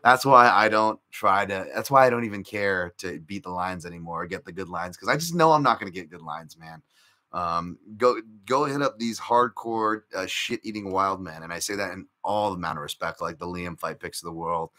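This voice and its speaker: His voice is low and sharp, moving a little fast. He's a podcast host on a casual live stream, chatty as he reacts to viewer comments and rambles over betting picks with many fillers and restarts.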